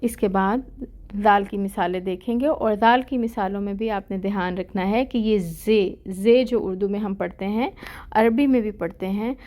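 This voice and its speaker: A woman teaching Quran letter pronunciation in a patient online lesson, drilling syllables slowly and repeating them. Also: medium pitch, a little mellow. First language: Urdu.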